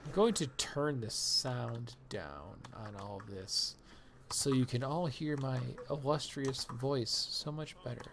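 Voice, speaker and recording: A woman's voice: rumbling low, takes it slowly, noisy background. A woman live streamer chatting casually while gaming, rambling and self-deprecating and laughing often.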